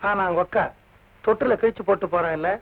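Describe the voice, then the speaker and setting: A nagging husband. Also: male voice, high voice, quick pace, creaky. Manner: presses with repeated questions. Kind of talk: 1980s Tamil film acting. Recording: thin, narrow old film soundtrack with hiss.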